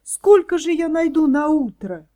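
A woman voicing Pinocchio, a naive and eager wooden puppet boy in a storybook reading, in a higher, excited voice. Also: unhurried. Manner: excited, wide-eyed.

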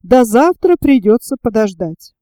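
A woman reading the part of a calm, thoughtful middle-aged male engineer, measured and reassuring. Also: fairly high pitch, no room sound.

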